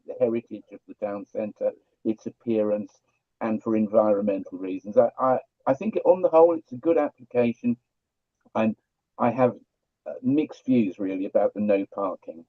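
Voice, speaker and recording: A man's voice: on the low side, animated, moderate pace, no room sound. A man speaking as a town councillor in a committee meeting, hesitant and full of restarts, over a video call. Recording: dry, dull lo-fi call audio.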